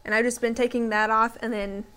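Relaxed conversational female co-host. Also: fairly high pitch, brisk, clean tone. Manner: relaxed and conversational, with frequent agreeing replies. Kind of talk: casual chat.

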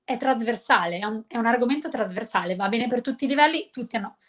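A woman's voice: fairly high pitch, lively intonation, fast talker, a bit bright. A woman who teaches English, chatting casually and explaining things at length. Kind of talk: casual chat.

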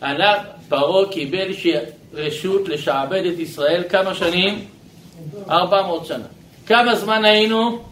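A man teaching a Torah lesson as a rabbi, animated and asking his listeners questions. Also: high voice, roomy sound, rough recording.

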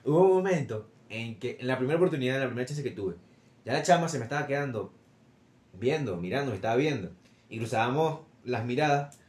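A young Venezuelan man in quick, slangy, teasing casual chat. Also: mid-range voice, lively intonation, a little mellow. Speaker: podcast co-host. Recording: echoey room.

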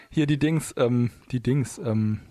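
A man's voice: medium pitch, takes it slowly, mellow. A man co-hosting a casual chat, reading facts aloud in a playful, giggly way and stumbling over words. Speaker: podcast co-host.

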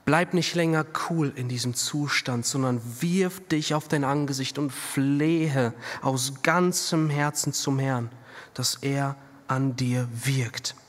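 A middle-aged male pastor preaching a sermon, animated, moving between hushed and emphatic delivery. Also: mid-range voice, slow pace. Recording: long reverb of a church hall.

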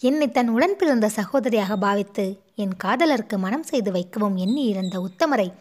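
A woman's voice: medium pitch, lively intonation, normal speed, darkish tone, close to an everyday voice. A woman voicing a distraught young noblewoman who pleads and sobs with guilt, in a storybook reading. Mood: pleading. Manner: pleading, sobbing between words.

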